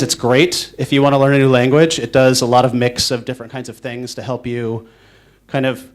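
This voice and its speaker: A young man from the northwestern United States giving a casual conference talk on stage, rambling with lots of fillers and restarts. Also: medium pitch. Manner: rambling, filler-heavy, self-interrupting. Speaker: conference speaker.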